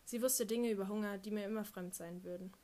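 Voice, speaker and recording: A woman's voice: medium pitch, fairly even intonation, a little fast, warm tone. A woman reading a first-person audiobook narration with a dry, wry delivery.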